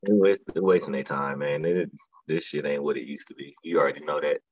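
A man's voice: very deep voice, steady tone, fairly quick, darkish tone, breathy edge, no echo, highs cut off. A man who does stand-up comedy, talking in a laid-back, slangy way as a podcast guest and telling stories. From lives in Atlanta area. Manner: laid-back, slangy, storytelling with quoted voices. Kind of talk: casual podcast chat.

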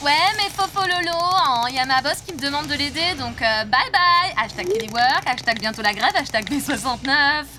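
Comedy sidekick: young female influencer, vain, ditzy, very animated high voice, slang and hashtags. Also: normal speed, few pauses, over music. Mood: flippant. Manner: slangy, speaks in hashtags, airheaded. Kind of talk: comedy audio drama acting.

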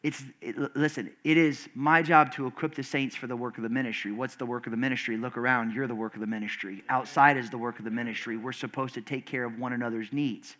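A pastor leads a spirited call-and-response sermon for his congregation during a church service, speaking at a quick pace with few pauses. His voice is loud and screechy, veering from big high outbursts to quiet, low stretches full of restarts.

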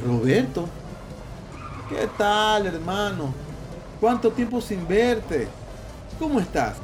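A man's voice: high-pitched, big pitch swings, slow pace, background noise, heavily acted. A man playing a timid, rattled husband. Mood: unsure. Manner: hesitant, then panicky shouting. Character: timid middle-aged husband, anxious and easily shaken.

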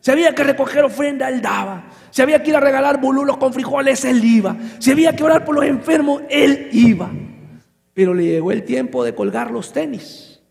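A man's voice: very high voice, fairly quick, gravelly, darkish tone, big-room sound. A male pastor, preaching and telling a story animatedly, calling listeners brother. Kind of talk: sermon with storytelling. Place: church.

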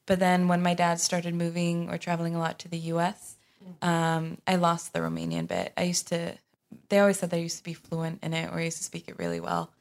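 Guesting on a podcast, a young woman from Sweden recounts her family's story with an easygoing tone and plenty of ums and uhs. She has a lowish voice and talks fairly quickly.

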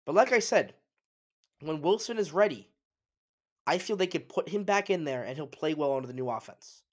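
Speaking at a moderate pace, this male sports podcast host has a fairly high, animated voice. Alone on his talk show, he's stuffed up and sniffling, pushing strong opinions and often starting over mid-thought.

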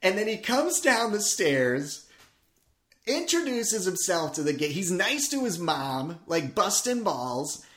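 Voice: mid-range voice, very animated, takes it slowly, a bit bright. A podcast co-host in casual chat about a TV episode, enthusiastic and swearing casually.

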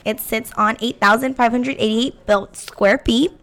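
A woman co-host with a slightly high voice that is worn hoarse from a late night. She reads home listings aloud and breaks in with playful, joking asides. The talk is casual and chatty. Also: fairly even intonation, measured pace, fairly bright tone, slight background noise. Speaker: co-host of a real estate news show. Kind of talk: casual chat.

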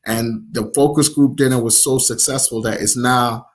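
A man's voice: medium pitch, steady tone. A man from Nigeria, an app founder, talking casually in an interview with lots of fillers and restarts. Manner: many fillers, halting restarts.

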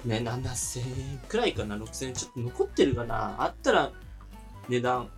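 A man casually chatting as a podcast co-host, telling rambling stories and laughing often, saying he feels low-energy today. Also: expressive, normal speed, soft background music. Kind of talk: casual chat.

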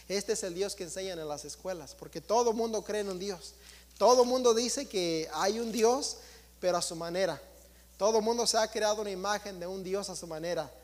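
A man's voice: high voice, in a large hall. A man preaching a sermon in church, emphatic and repetitive, often turning to address the congregation directly.

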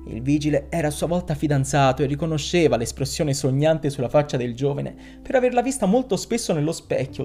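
A male audiobook narrator reading a short story in a measured, expressive way. His voice is slightly higher than most men's and has a gravelly rasp, with faint guitar music underneath.

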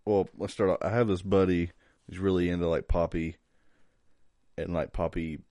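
A man's voice: deep voice, fairly even intonation, moderate pace, dark tone, no echo. A young man co-hosting a podcast in casual chat, laid-back, joking crudely. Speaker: podcast co-host.

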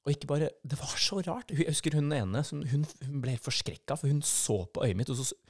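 A man's voice: on the high side, lively intonation, a little mellow, dry recording. Man telling a vivid story, dry sound. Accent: Norwegian. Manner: vivid, acts out quoted voices in his story. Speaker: podcast co-host. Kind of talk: casual podcast storytelling.

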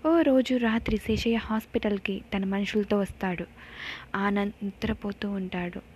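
A woman narrating a horror story in a steady, measured way. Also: medium pitch, breathy edge.

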